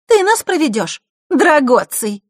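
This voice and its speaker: A woman's voice: high-pitched, big pitch swings, a little slow, no echo, clean studio sound, pitched above the performer's own voice. A woman voicing a spiteful teenage girl who mocks in a singsong, sneering tone. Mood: mocking.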